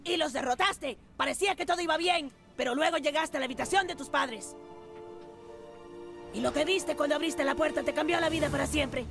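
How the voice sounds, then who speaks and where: High-pitched, bossy Latin American cartoon boy. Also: brisk, vocal fry, a bit bright, soft background music. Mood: melodramatic. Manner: self-important, melodramatic storytelling. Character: bossy, scheming young boy playing raccoon superhero. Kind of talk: video game cartoon dub.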